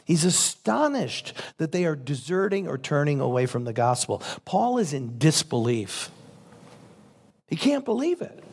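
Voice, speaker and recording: A man's voice: a little high, a little mellow. A man preaching a sermon as a pastor, in a conversational, earnest way.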